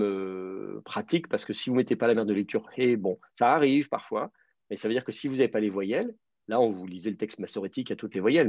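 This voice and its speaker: A man with a low, husky, gravelly voice teaches a class, stopping often to restart his sentences. The sound is dry and dull, like a computer mic on a video call. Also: darkish tone, no room sound. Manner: hesitant, many fillers and restarts, explanatory. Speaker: teacher of biblical Hebrew. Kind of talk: online class lecture.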